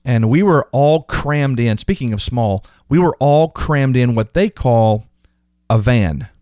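A man's voice: medium pitch, lively intonation, slow pace, dark tone, dry recording, studio quality. A man hosting a podcast, telling stories in an emphatic motivational monologue and repeating key phrases. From United States. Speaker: podcast host.

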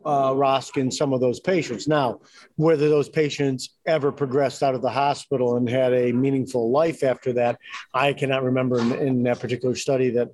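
A man's voice: medium pitch, level tone, fairly quick, a little mellow, poor audio. A man speaking in a casual panel discussion, thinking aloud with lots of "you know" and "I mean". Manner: thoughtful, many fillers like "you know".

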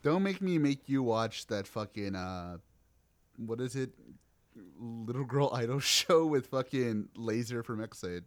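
Lively laughing podcast co-host man. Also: medium pitch, measured pace. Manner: laughing, teasing, swears freely. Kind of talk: casual chat.

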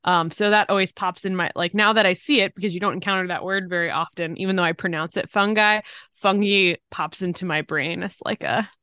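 A woman co-hosting a podcast in casual chat, relaxed and full of "like" and "um". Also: on the low side, a little fast, clean tone, no room sound, clean studio sound. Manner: relaxed, many fillers like "like" and "um". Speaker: podcast co-host.

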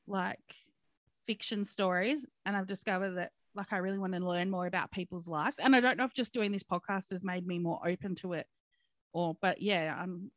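A woman co-hosting a podcast in casual chat, chatty and quick to laugh. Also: on the low side, steady tone, no room sound. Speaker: podcast co-host.

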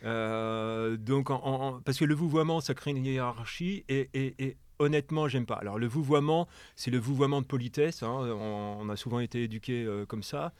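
A man, a podcast guest who talks hesitantly, full of pauses and restarts. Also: mid-range voice, darkish tone, clear, resonant tone, dry recording. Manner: hesitant, many fillers and restarts. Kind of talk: casual panel discussion.

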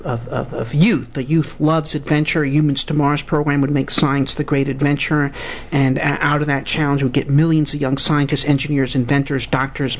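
A man with a Brooklyn New York accent, speaking as an expert guest in a radio interview, halting but earnest. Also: a little high, a little hiss or hum. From United States. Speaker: guest expert, society president.

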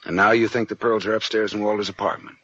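An actor playing a wry, hard-boiled American private detective in a 1940s radio drama, with a sardonic, clipped delivery. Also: male voice, fairly low pitch, little pitch movement, fast, pushed and bright, no room sound. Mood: probing. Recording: muffled 1940s radio recording with music.

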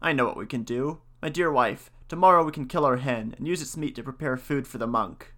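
Man playing an old husband, calm, consoling, steady, plain voice, storybook. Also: mid-range voice, fairly quick, close to an everyday voice. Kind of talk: storybook reading.

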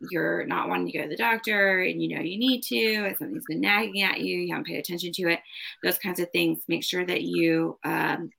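Woman, heavy vocal fry, lowish pitch, forceful tone, casual card reader, emphatic advice. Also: fairly even intonation, fairly quick. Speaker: tarot card reader and host. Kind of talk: casual spoken card reading.

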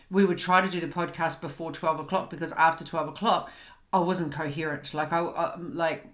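A woman's voice: fairly low pitch, a bit bright. A woman hosting a podcast from home, talking candidly and often stopping to search for words. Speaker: podcast host. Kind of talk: casual chat. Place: home, on a couch. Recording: roomy echo.

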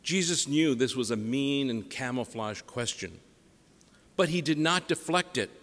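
Priest preaching in cathedral-like echo. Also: male voice, medium pitch, lively intonation, a bit bright. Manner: measured, solemn, deliberate public delivery. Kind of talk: gospel reading and homily. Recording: echoing church, long reverb.

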